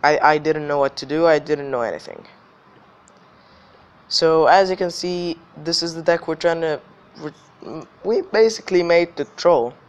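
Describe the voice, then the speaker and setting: A man's voice: a little high, unhurried, clean tone. A man hosting a gaming video with casual gameplay commentary, his voice slightly affected by illness. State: slightly ill voice.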